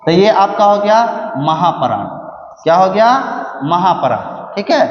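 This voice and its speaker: High-pitched guy teaching a grammar class, asks and answers his own questions, echoey muffled room. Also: lively intonation, a little slow, slight background noise. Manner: asks the class questions and answers them himself, repeats key words. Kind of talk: grammar lesson.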